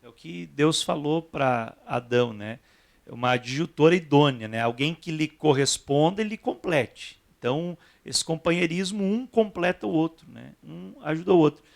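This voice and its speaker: Gravelly Brazilian pastor hosting a talk show. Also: male voice, on the high side, moderate pace. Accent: Brazilian Portuguese. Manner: conversational, frequent "né" tags, guiding questions. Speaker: pastor and program host. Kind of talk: church TV talk show interview.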